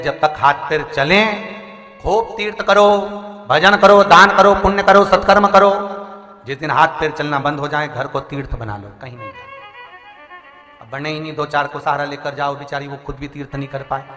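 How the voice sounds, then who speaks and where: A man delivers a sermon, storytelling with lively exhortation and acting out each figure. His voice is bright and sits a little high. The sound rings through a large reverberant space with faint music beneath. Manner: animated storytelling, voicing characters, exhorting the audience. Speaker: preacher telling a religious story. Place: large outdoor tent before a crowd. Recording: echoey hall with long reverb.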